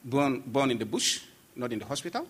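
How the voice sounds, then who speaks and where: Guesting in a conversation, a pastor from South Sudan delivers an emphatic, earnest testimony full of restarts. His mid-range voice is sing-song and brisk, and there is a little hiss or hum in the audio.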